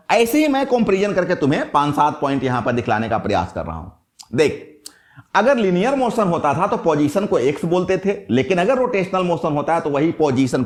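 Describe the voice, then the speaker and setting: Lively male physics teacher. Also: fairly high pitch. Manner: lively, questions the class and answers himself. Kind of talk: classroom lecture.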